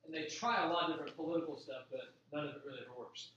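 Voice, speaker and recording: A man's voice: fairly high pitch, rapid-fire, highs cut off. A man teaching history in an informal, conversational classroom lecture style, stressing points by repeating them. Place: echoey room. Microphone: distant microphone. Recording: very echoey, distant mic, faint noise.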